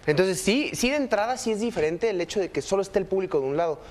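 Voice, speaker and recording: A young Mexican man answering interview questions as a fighter, relaxed and reflective, with lots of filler words. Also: high voice, quick pace. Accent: Mexican Spanish. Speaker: interview guest, UFC fighter.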